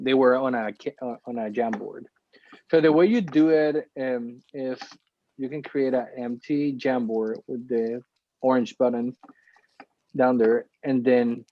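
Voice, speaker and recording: A man presenting a step-by-step software tutorial over a video call, explaining as he goes with frequent ums. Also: mid-range voice, no echo. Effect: heard over a video call. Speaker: workshop presenter. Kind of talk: screen-share tutorial walkthrough. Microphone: computer mic on a video call. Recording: dull, dry video-call audio.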